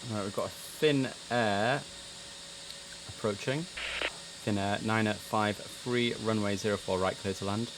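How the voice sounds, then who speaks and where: This streamer's voice is on the low side and unhurried. He drifts between relaxed muttered chatter and terse ATC phraseology while playing, with audible background noise running beneath.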